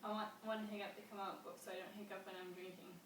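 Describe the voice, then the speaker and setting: A woman's voice: medium pitch, flat delivery, quick pace, recorded from a distance. Hiccuping woman in an echoey room. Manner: soft-spoken, mildly annoyed. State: has the hiccups. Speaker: friend being filmed. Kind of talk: casual chat. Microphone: camera held by the other person. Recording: echoey noisy home video.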